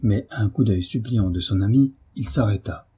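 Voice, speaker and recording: Low, husky male audiobook reader. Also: moderate pace, dark tone. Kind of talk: classic novel narration.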